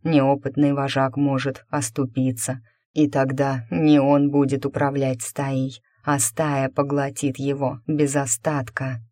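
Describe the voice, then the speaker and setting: A sorrowful male elder shifter from a fantasy audiobook sighs out his warning slowly and mournfully, played by the reader. The voice is dark and mellow. It is close on a dry mic. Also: mid-range voice, monotone, dry recording, lightly acted. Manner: mournful, slow.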